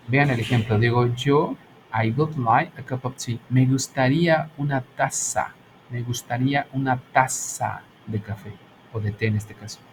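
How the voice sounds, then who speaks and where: A man's voice: mid-range voice, noisy background. Bilingual man teaching English grammar. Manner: explains patiently, switches between Spanish and English, frequent "¿ok?". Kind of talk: online class explanation.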